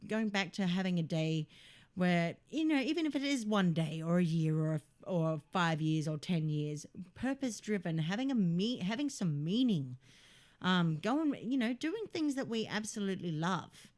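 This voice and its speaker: Giggly, lively-voiced woman co-host. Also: fairly low pitch, moderate pace. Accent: American regional accent. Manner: giggly and expressive, laughs often. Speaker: radio show co-host. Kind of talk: casual live radio chat.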